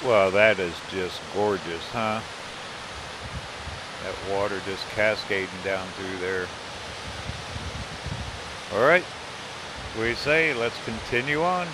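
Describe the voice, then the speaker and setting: Slow, easygoing man narrating a drive. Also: lowish voice. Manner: relaxed, chatty, easily delighted by the scenery. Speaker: RV travel vlogger. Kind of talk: casual road trip narration. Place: outdoors, driving and at roadside pull-offs in the mountains. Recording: outdoor vehicle and road noise.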